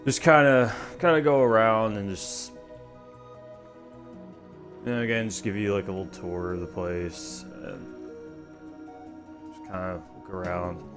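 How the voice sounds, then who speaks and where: Low, nasal young-sounding male streamer. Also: steady tone, unhurried, pauses often. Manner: rambling, loose, full of fillers and restarts. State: stuffy from allergies. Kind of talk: casual gaming livestream commentary. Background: music.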